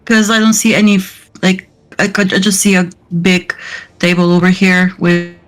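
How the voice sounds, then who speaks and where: A woman's voice: lowish voice, completely flat delivery, moderate pace. A woman playing a tabletop game, chatting casually and unsurely as she describes what she sees. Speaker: player.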